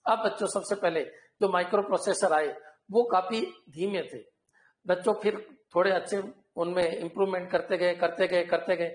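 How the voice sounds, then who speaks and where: A man teaching an online computer class, repeating key points and often asking his students whether it is clear. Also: sits high, fairly even intonation, normal speed, reverberant, rough recording. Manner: repetitive, keeps checking "clear?" with students.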